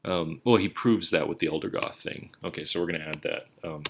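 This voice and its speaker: A writing instructor talks through his notes in a casual, self-correcting way, thinking aloud as he types. His voice sits very low with a gravelly fry. The recording carries clear background noise and the clatter of typing. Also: a little fast, a bit bright. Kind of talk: screencast lecture. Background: keyboard typing and clicks.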